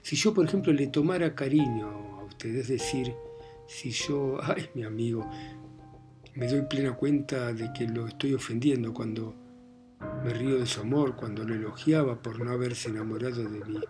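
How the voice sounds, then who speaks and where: An emotional young woman torn in love speaks in halting, pleading phrases, read by a man. The voice sits in an ordinary middle register and stays close to the narrator's own. Gentle music runs under the storybook reading. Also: mid-range voice, natural voice. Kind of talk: audiobook reading.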